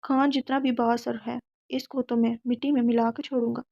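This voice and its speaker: A woman's voice: a little high, level tone, brisk, vocal fry, darkish tone, no echo, dull audio. Woman voicing a determined young officer. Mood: eager. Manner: eager, resolute.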